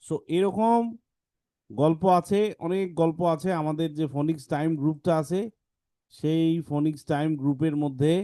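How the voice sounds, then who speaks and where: Male teacher, patient explainer, mellow voice, dry close sound. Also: a little high, steady tone, no echo. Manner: explains patiently, reads examples slowly. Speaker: English teacher. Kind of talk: online class talk to kids.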